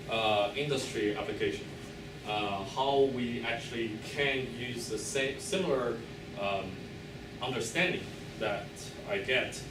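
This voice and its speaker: A man giving an academic thesis defense presentation in a hesitant, hedging, halting way, with many filled pauses. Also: lowish voice. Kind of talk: academic presentation, loosely scripted. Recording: echoey room, distant mic, clear background noise.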